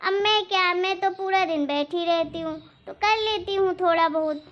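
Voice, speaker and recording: A woman voicing a kind, hardworking older mother-in-law in a cartoon, speaking in a gentle, patient, pleading way. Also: very high-pitched, moderate pace. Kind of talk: cartoon voice acting. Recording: dull lo-fi recording.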